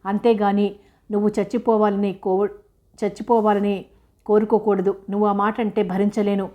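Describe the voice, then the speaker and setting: A woman's voice: medium pitch, little pitch movement, normal speed, highs cut off, natural voice. A woman voicing a lovesick, anguished young man who pleads emotionally. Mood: pleading.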